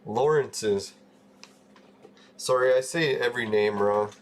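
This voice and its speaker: A Canadian man in his forties rambles casually on a gaming livestream, swearing often and laughing at his own stories. His voice is medium-pitched and slow, with a little hiss or hum in the background.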